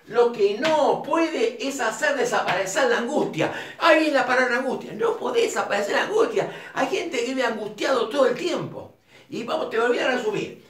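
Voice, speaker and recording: In a room with a whiteboard, a man with an Argentine Rioplatense Spanish accent gives an informal lecture, chatty and digressive, tossing colloquial asides to the viewer. His voice is extremely high and a bit bright. The mic sits at a distance, and the room echoes.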